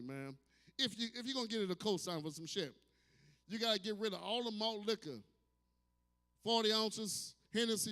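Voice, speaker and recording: A man hosting a stand-up comedy night, loud and profane, hyping the crowd between jokes. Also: high-pitched. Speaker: comedy show host. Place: comedy show at a distillery. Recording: live venue with long hall reverb.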